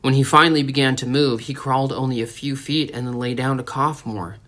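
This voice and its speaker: A man reading a dramatic story aloud as an audiobook narrator, in a steady storytelling manner. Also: mid-range voice, fairly quick. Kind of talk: scripted narration.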